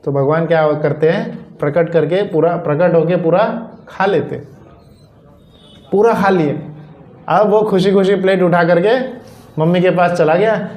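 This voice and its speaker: Male preacher, storytelling sermon, fairly high voice, echoing room. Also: measured pace, a little mellow. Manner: narrative, repeats phrases for emphasis. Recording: roomy echo.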